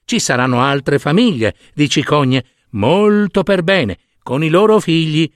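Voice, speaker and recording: A man's voice: a little high, lively intonation, unhurried, dry recording, clean studio sound. A man voicing a bossy mother stork in a storybook reading, drilling her chicks with counted beats. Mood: firm.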